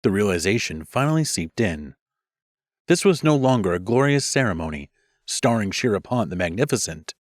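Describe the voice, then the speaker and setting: A man narrating a fantasy audiobook slowly, with a fairly low voice that rises and falls a great deal. The recording is dry and close, with no room sound. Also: sing-song, no echo.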